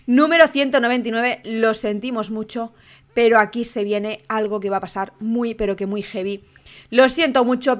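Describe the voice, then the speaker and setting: Brief: young woman, Spain Spanish accent, high bright voice, excitable game commentary with lots of exclamations. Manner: excitable, frequent exclamations and laughter. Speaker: gaming YouTuber. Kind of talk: excitable let's-play commentary.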